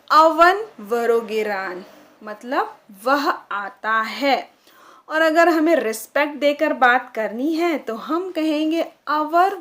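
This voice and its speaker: Slow, high-voiced woman teaching a language. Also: a bit bright. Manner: addresses viewers as friends, repeats phrases slowly for practice. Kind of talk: spoken language lesson.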